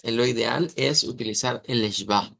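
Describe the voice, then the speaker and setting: During a German pronunciation lesson, a man explains things step by step and sounds out words slowly. His mid-range voice carries vocal fry and a fairly bright tone, with no room sound.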